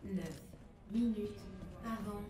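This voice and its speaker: A woman voicing a calm female facility computer that announces a countdown over a loudspeaker in a calm, measured way. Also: mid-range voice. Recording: echoey loudspeaker with game music.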